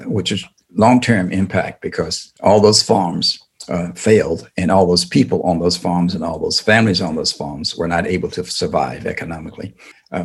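An older Southern American man, a civil rights attorney, answers interview questions earnestly and deliberately, using lots of fillers. His voice is low and husky, with vocal fry.

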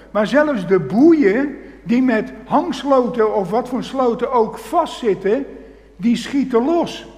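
A high-voiced man preaches a sermon at a slow, deliberate pace. He tells the story with animation and swings from loud to hushed. His voice rings with the long reverb of a church hall.

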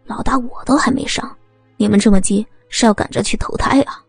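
A bossy older male gang leader, put on by a woman narrator speaks in a lowered, breathy half-whisper. His voice is husky and dry, with faint music underneath. He sounds like a figure in an audio story. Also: fairly quick, dry recording. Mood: domineering. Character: gruff older male gang boss, domineering.

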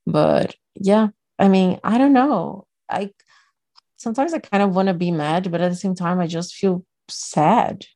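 A woman from Brazil co-hosting a casual podcast, telling stories with lively quoted voices. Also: lowish voice, a little slow. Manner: animated storytelling, acts out quoted people. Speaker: podcast co-host. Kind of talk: casual chat.

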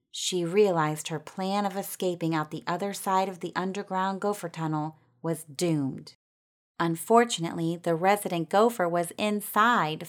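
A woman narrating a children's storybook in a steady, expressive reading voice. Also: mid-range voice.

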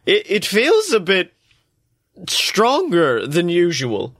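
A man's voice: high voice, big pitch swings, measured pace, no echo, studio quality, pitched above the performer's own voice. A man voicing a cocky male god who is getting drunk, slurring and stammering his words. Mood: drunk, uneasy.

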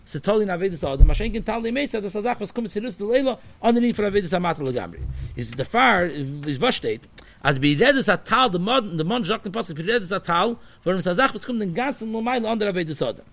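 A man, giving a Talmudic study lesson in an animated, sing-song way with many fillers. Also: high-pitched, fast talker. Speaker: Torah teacher.

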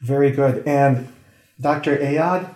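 A man's voice: mid-range voice, slow pace, darkish tone, reverberant. A man from the United States hosting a show, asking friendly, inquisitive interview questions. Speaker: radio host.

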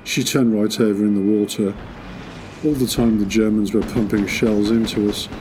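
A man's voice: fairly low pitch, fairly even intonation, normal speed, noisy background. A man giving a first-person recollection of a wartime event, telling it in a plain, matter-of-fact way.

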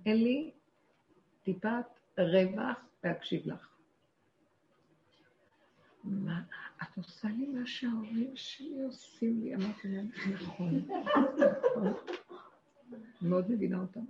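A woman's voice: mid-range voice, vocal fry, long pauses, highs cut off, a little hiss or hum. Passionate woman teaching in an echoey room. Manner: passionate, shouts quoted lines, laughs, rhetorical questions. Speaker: spiritual teacher. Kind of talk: religious talk to a group.

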